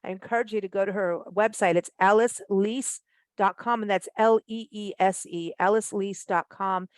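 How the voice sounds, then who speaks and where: A woman's voice: mid-range voice, fairly even intonation, normal speed, no echo. A woman hosting a radio interview show, talking in an upbeat, chatty way with fillers. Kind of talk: casual interview chat.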